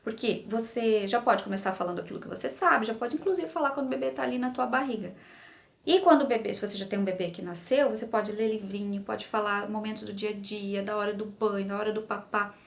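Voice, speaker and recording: Lively Brazilian woman coaching parents. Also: medium pitch, fast talker, vocal fry. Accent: Brazilian Portuguese. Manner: chatty, animated, addresses viewer directly. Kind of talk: casual explainer to camera.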